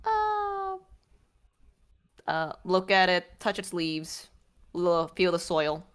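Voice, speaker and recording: A woman's voice: on the low side, huge pitch swings, drawn-out words. A woman playing a tabletop game, talking playfully and laughing a lot. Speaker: player. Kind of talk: tabletop role-play.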